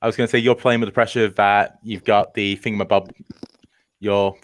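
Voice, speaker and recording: A man hosting a casual online trivia match, jokey and running the show with quick asides. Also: lowish voice, little pitch movement.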